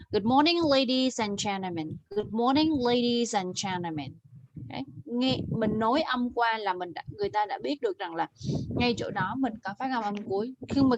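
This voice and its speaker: A woman teaching an online English class over a video call, correcting pronunciation and modelling words slowly. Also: a little high, no echo, dull audio.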